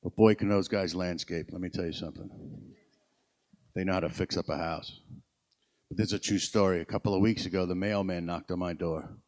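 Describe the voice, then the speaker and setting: A man's voice: sits low, fairly even intonation, a little fast, darkish tone. A male stand-up comedian performing a set, telling stories and acting out dialogue, with swearing and audience laughter. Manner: storytelling with acted-out dialogue and swearing. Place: live comedy venue.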